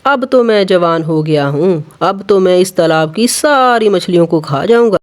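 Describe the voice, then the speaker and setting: A storyteller voicing an arrogant, greedy male heron who boasts and gloats in a children's animated story. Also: medium pitch, moderate pace, natural voice. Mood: boastful.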